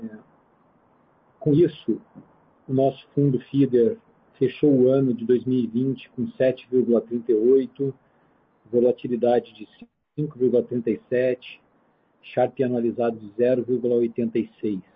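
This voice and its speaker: Through a tinny phone line, a Brazilian man gives a business presentation. His voice is medium-pitched and a little husky, and he delivers figures in a measured, halting way. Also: flat delivery. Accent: Brazilian Portuguese. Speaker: chief investment officer presenting results. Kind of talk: business presentation, semi-spontaneous.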